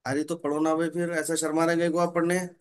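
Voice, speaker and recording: A male religious reading teacher running an online class, patiently modelling and correcting syllables slowly. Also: on the high side, flat delivery, clean tone.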